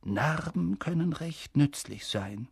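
Guy reading calm wise old wizard, mild and measured, slow and a bit gravelly. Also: a little high, no room sound, studio quality, voice pushed up, heavily acted.

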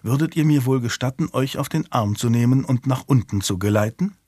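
Brief: gallant nobleman with a wry, kindly tone, as an audiobook narrator gives him, mid pitch, dry sound. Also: fairly quick, dry recording, close to an everyday voice. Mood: courtly. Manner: gallant and gently teasing. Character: young noble earl, courteous and wry.

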